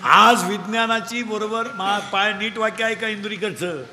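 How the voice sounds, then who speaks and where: A man from Maharashtra delivering a comic devotional sermon, loudly quizzing his audience and urging them to shout back answers. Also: sits high, fairly even intonation, moderate pace, background noise. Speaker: kirtan preacher.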